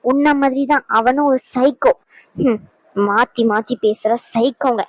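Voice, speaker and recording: A woman plays a fierce elder sister in a cartoon drama, scolding in a high voice that lectures without letup. The sound is dry and close, with no room around it. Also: measured pace, no room sound, rough recording. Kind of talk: animated drama dialogue.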